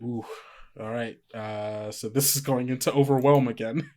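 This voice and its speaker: With plucked guitar music in the background, a man narrates a tabletop roleplaying session as its game master in a loose, improvised, chatty style. His voice sits at medium pitch and is steady and a bit dark, delivered at normal speed.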